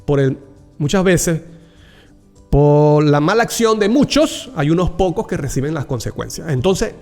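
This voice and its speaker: A man's voice: on the high side, very animated, a little slow, darkish tone. A man preaching a Bible reflection, earnest and personal, calling the listener dear brother. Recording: long hall reverb with faint music behind.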